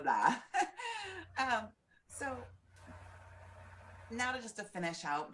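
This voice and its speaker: A woman's voice: low-pitched, slight background noise. A woman fitness coach giving an earnest, personal webinar testimonial from home over a webcam, with frequent fillers. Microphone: webcam on a video call.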